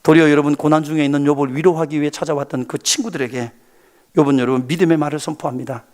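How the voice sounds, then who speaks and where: A man preaching a sermon as a pastor, lively and questioning, often asking the congregation to answer. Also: on the high side, fast talker. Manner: animated, asks the congregation questions, acts out quotes.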